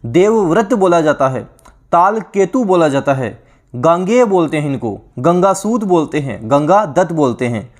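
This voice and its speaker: A man's voice: a little high, animated, moderate pace. A male teacher giving an exam-prep lesson, repeating each word list aloud and asking and answering his own questions. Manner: repetitive, drilling word lists aloud.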